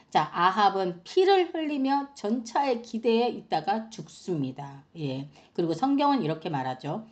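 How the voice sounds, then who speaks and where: A woman teaching from the Bible in an expressive sermon style, exclaiming and often turning to her listeners with rhetorical questions. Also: a little high.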